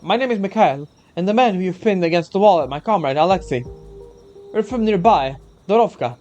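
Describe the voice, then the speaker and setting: A man voicing a frightened, pleading soldier in a game story, earnest and halting. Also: sits high, lively intonation, a little mellow, highs cut off, faint music behind, voice pushed up. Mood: earnest, worried. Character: Mikhail, pleading, frightened male wounded-army soldier. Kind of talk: game story read aloud.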